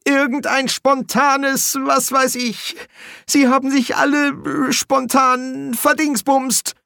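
A man's voice: flat delivery, slow pace, gravelly, pushed and bright, dry recording, clean studio sound, exaggerated voice. A man voicing a panicky, whimpering old wizard bursar in an audiobook. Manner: shrill, whining, frantic.

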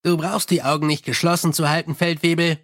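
A man's voice: a little high, level tone, brisk, a bit bright, no room sound, studio quality. A man reading an audiobook and voicing a scruffy, chatty male corporal who talks eagerly and without embarrassment.

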